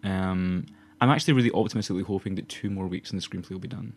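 Low-voiced Glaswegian man chatting. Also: racing, slight background noise. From Scotland. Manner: chatty and rambling, laughs often. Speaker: podcast co-host. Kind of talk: casual chat.

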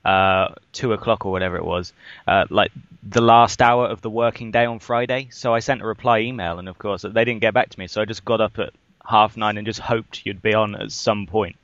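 A man's voice: fairly low pitch, fairly even intonation, fairly quick, fairly bright tone, no echo. Host guy, keen and laughy, dry muffled call audio. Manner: enthusiastic, laughs readily. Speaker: podcast host. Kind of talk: casual interview chat.

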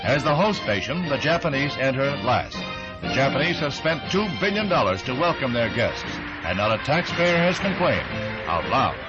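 A man's voice: medium pitch, big pitch swings, normal speed. A man narrating an old 1960s newsreel in a formal announcer delivery, heard as an old newsreel recording. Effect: old newsreel sound. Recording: dull old newsreel with loud music.

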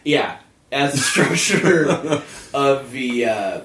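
Guy running a tabletop game, laughs a lot, medium pitch, roomy echo. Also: animated, very slow, distant mic, noisy background. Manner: laughing, loose, swearing. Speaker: game master. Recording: echoey room.

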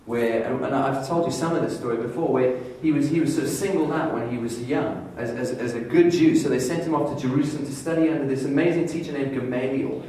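A man preaching a sermon, telling a Bible story in a lively storytelling way and voicing the inner thoughts of its people. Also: mid-range voice, fast, few pauses, heavy reverb, far from the mic, slight background noise, low-quality recording.

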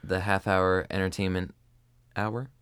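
A man's voice: low voice, flat delivery, unhurried, a bit bright, clear, resonant tone, dry recording. A man co-hosting a podcast, teasing and sarcastic in casual banter. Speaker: podcast co-host. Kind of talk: casual chat.

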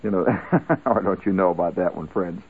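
A man's voice: low voice, normal speed, husky. A man on the radio telling a rambling comic army story with wry asides. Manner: wry, rambling anecdotal delivery. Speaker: radio monologuist. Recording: tinny lo-fi 1970s radio broadcast.

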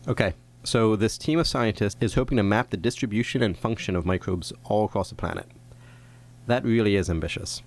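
A man's voice: fairly low pitch, fairly quick. A man co-hosting a science radio show, chatting in casual, lightly scripted banter from a studio.

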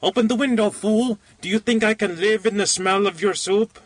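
A man voicing a bedridden old man who shrieks and scolds in a high voice, in a storybook reading. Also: normal speed. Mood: furious.

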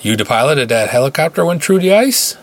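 A man's voice: fairly high pitch, very animated, fast, voice pushed up. A man voicing a kindly older small-town police officer with a northern Minnesota accent and a friendly, folksy manner. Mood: concerned, folksy.

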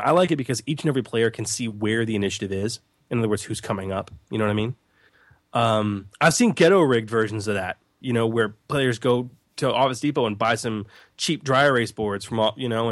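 A man co-hosting a casual tabletop gaming chat, telling stories in an animated way with lots of fillers and chuckles. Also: mid-range voice, brisk, no echo. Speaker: podcast co-host.

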